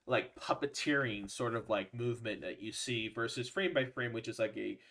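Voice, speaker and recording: A man co-hosting a casual live stream chat, rambling and crude, getting animated when he jokes. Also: medium pitch, moderate pace. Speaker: podcast co-host.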